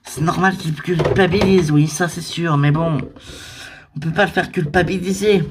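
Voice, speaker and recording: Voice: steady tone, moderate pace. A performer, voicing every character of an amateur toy-figure drama in casual everyday speech. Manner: shifts pitch between characters, casual everyday French with fillers.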